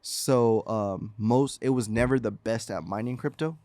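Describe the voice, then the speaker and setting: A man's voice: medium pitch, measured pace, warm tone, dry recording. A man co-hosting a casual gaming podcast, talking in a rambling way with many fillers and restarts. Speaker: podcast co-host. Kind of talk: casual chat.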